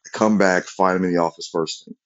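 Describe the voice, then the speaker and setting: Deep-voiced man ranting profanely. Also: fast talker, lo-fi sound. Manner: profane, animated, rambling. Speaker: vlogger telling a work story. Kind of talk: casual storytelling rant.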